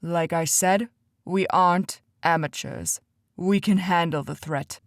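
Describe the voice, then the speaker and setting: A woman voicing a stern, cold male council leader who talks in a sharp, commanding way, in an audiobook. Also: fairly low pitch, takes it slowly, no echo, studio quality. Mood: tired.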